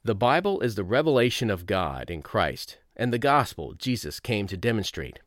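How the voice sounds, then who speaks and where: A man with a low voice reads lecture notes aloud for a study course. His delivery is lively and rises on every numbered point. The sound is dry and close, with no room around it. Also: no echo. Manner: measured, reads numbered lists with rising emphasis.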